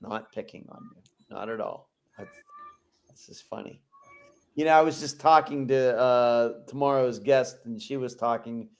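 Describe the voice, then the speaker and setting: A man's voice: mid-range voice, unhurried, a little mellow. Rambling, teasing male podcast host. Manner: rambling, teasing, lots of "you know". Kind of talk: casual chat.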